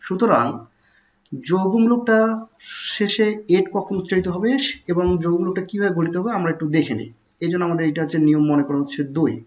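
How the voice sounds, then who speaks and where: A man's voice: high-pitched, fairly quick, muffled recording, slight background noise. A man teaching a recorded chemistry tutorial, explaining step by step and repeating key terms. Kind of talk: recorded online tutorial lecture.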